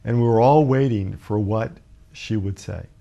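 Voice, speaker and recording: A man in his fifties from Alabama, a guest author telling a personal story in a measured, reflective way with many pauses. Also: fairly low pitch, creaky, mellow, lo-fi sound. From Birmingham, Alabama, USA. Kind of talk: personal storytelling in a talk show interview.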